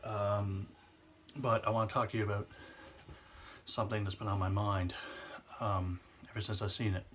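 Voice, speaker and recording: Earnest and emotional, a vlogger in his 20s rants about something personal, easing his pace whenever the points get heavy. He has a lowish voice with a level, fairly bright tone, over slight background noise.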